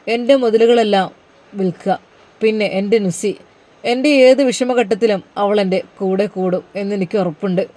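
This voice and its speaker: A narrator voicing a worried, pious young husband, pleading in earnest prayers. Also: male voice, sits high, mellow, lightly acted. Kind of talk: storybook narration, inner monologue.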